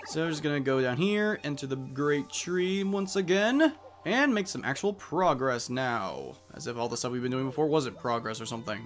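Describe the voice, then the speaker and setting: This let's play host, a young man, has a mid-range voice that's very animated yet moderately paced. He comments wryly and chattily on the game, voicing its on-screen text in character over faint background music.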